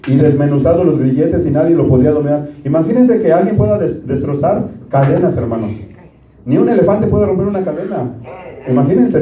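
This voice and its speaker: Pastor preaching in a roomy hall. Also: male voice, a little high, warm tone, slight background noise. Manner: conversational preaching, repeatedly addressing listeners as brothers. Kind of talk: sermon. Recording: roomy, distant from the mic.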